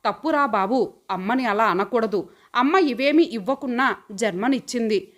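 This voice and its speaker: A woman's voice: a little high, lively intonation, normal speed, natural voice. A woman reading the part of a poor, devoted young mother in an audio story, speaking in a heartfelt, pleading way.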